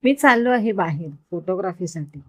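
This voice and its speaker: A woman's voice: fairly low pitch, lively intonation, moderate pace. Lady voicing a joking young guy, easygoing, cheerful. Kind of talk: storytelling dialogue.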